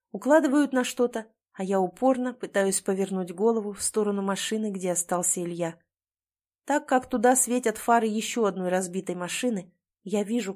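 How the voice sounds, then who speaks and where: A woman's voice: medium pitch, a little mellow. A woman narrating a dramatic first-person audiobook, voicing the heroine's pleading and panic with strong emotion.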